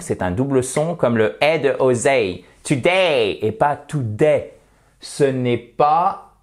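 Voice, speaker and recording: This is a Frenchman with a French accent teaching English pronunciation to the camera. His voice sits at an ordinary mid pitch. He talks into a desk microphone and is lively and playful, exaggerating wrong pronunciations before showing the right ones. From France, near Saint-Étienne. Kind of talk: video lesson to camera.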